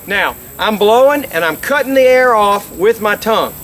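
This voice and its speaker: High-pitched middle-aged man teaching outdoors. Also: lively intonation, normal speed, a bit bright, soft background music. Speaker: instructor, game call company presenter. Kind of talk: instructional how-to demonstration. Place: outdoors by a lake.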